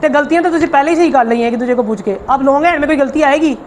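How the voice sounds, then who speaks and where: A man's voice: very high voice, rapid-fire, a little hiss or hum. A man, a shorthand teacher giving an informal tutorial. He talks emphatically, repeats his points and coaxes his students directly.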